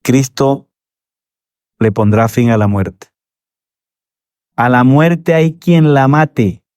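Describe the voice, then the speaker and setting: Male pastor, Colombian accent, mid-pitched, theatrical sermon delivery with sudden loud peaks and rhetorical tag questions. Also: extremely slow, clean tone. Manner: animated preaching, dramatic swings in pitch and loudness. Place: church.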